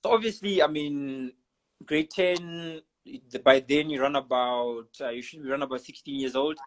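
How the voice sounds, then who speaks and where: A man hosting a casual live video chat, relaxed and chatty, laughing often. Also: on the high side, moderate pace, poor audio. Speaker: host. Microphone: video call.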